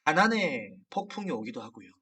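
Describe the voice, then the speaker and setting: Youth preacher, sermon, dramatic storytelling, swooping animated pitch, recorded at a distance. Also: a little fast, husky. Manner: storytelling, dramatic, raises voice for quoted lines. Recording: distant from the mic.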